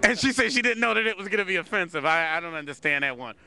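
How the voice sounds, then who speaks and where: A man's voice: sits high, expressive, quick pace, sharp tone. A man hosting a casual talk show recorded outdoors in a city park, loose and repeating words as he thinks. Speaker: host.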